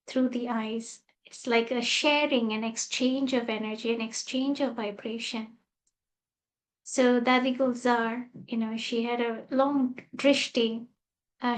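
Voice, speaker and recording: A woman from Malaysia gently telling a personal spiritual story as a guest speaker, with soft fillers. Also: on the high side, low-quality recording. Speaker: guest speaker, meditation teacher.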